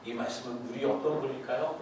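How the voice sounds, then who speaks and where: A middle-aged male pastor preaching a sermon in a lively way, acting out voices and putting questions to his congregation. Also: medium pitch, fast talker, a little hiss or hum. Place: large church sanctuary. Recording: echoey hall, mic far from the speaker.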